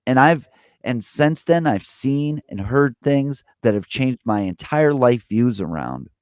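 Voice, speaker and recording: A man's voice: medium pitch, big pitch swings, unhurried, a little mellow, no echo. Earnest guy rambling on a live stream, dry close audio. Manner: earnest, rambling, restarts a lot. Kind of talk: casual chat.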